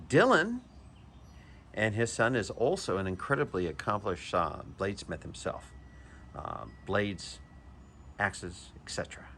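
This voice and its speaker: A man with a fairly low voice talks casually through a show-and-tell of a collectible knife, eager and chatty and often restarting his sentences. A faint hiss sits under his voice. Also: a bit bright. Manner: chatty and enthusiastic, with chuckles and hesitant restarts. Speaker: knife collector reviewing a purchase.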